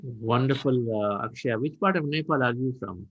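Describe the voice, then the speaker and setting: A middle-aged man hosts an online meditation session, his voice at an ordinary pitch. He speaks reflectively and encouragingly, circling back on his phrases as he goes. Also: normal speed, slightly rough, highs cut off. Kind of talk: spiritual talk and hosting.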